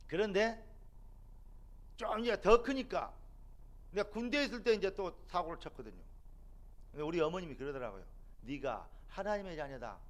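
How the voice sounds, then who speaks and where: A middle-aged man preaching a sermon as a pastor in a church, building to loud, emphatic peaks. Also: high-pitched, expressive, normal speed, long pauses. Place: church sanctuary.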